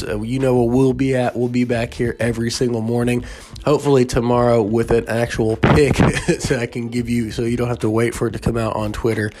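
A man's voice: mid-range voice, darkish tone, slight background noise. A man hosting a sports betting podcast early in the morning, tired and yawning, talking in a laid-back, rambling way. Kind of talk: casual solo podcast.

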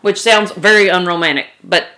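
A woman steers a casual chat among friends, asking questions and adding dry, teasing humor. Her voice is on the low side but bright and clear. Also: brisk. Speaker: podcast co-host.

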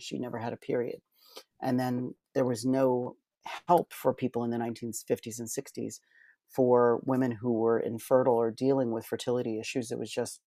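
A middle-aged author appears as a podcast guest, speaking earnestly and from the heart in a reflective interview. His medium-pitched voice is a little mellow, with no room sound, and his speech is full of fillers and restarts.

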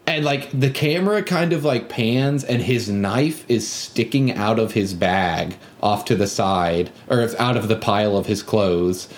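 A man's voice: lowish voice, measured pace, hardly any pauses. A man in casual podcast chat, animatedly retelling a video game scene and acting out characters' lines. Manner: animated, acts out characters in yelling voices.

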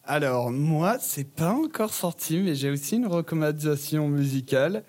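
A man's voice: a little high, animated, moderate pace, a little mellow. A young man in casual podcast chat, playful and cheeky, joking with crude words. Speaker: podcast co-host.

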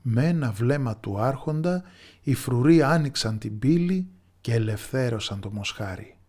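A man narrating a folktale in a measured, expressive storytelling voice that addresses the listeners. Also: medium pitch.

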